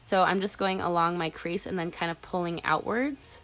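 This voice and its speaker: In her twenties and stuffed up with a cold, this beauty vlogger talks casually over a makeup tutorial, saying "like" a lot. Her voice is on the low side and fairly bright, steady in intonation and moderate in pace, with faint music behind it.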